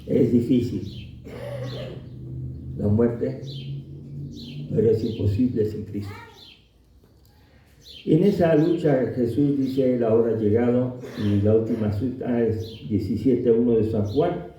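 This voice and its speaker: A man's voice: medium pitch, slow pace, pauses often, mellow, a little hiss or hum. A man preaching a sermon as pastor, emphatic, acting out quotes from everyday speech and scripture. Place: church hall. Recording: very echoey hall, distant mic, dull sound.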